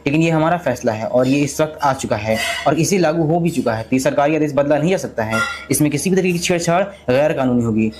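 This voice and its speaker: A man's voice: on the high side, fast, hardly any pauses, background noise, close to an everyday voice. A man reading a stern, formal judge. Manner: formal and final. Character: stern official male judge.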